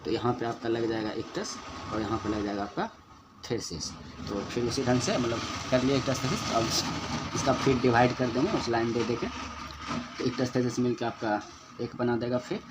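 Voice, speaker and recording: A man with a medium-pitched, fairly even voice teaches poetic meter step by step, posing questions and answering them himself while slowly repeating example words to bring out their stress. The recording is very noisy.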